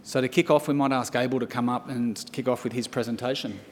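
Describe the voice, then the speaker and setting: A man chairing a conference session, measured and with frequent ums. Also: fairly even intonation. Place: conference room. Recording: hall reverb with low rumble.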